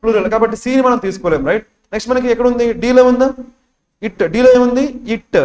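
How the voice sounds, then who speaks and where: This English teacher, a man with a Telugu accent, speaks fast in a very high, darkish voice. He lectures on exam test questions, firing constant questions at his class and repeating key words, and the recording echoes like a classroom.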